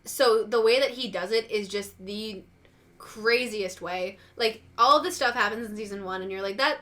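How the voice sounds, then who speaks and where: Chatting on a laid-back pop-culture podcast, this female co-host rambles, leans heavily on "like," and voices reactions as quotes. She speaks at normal speed in a mid-range, slightly bright voice.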